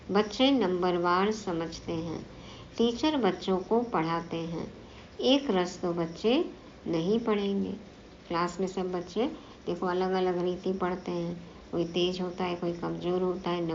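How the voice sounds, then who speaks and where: Slow, low-voiced woman teaching a spiritual class. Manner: slow, explanatory, repeats points to make them sink in. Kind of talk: reading and explaining a spiritual discourse. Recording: dull lo-fi recording with faint background noise.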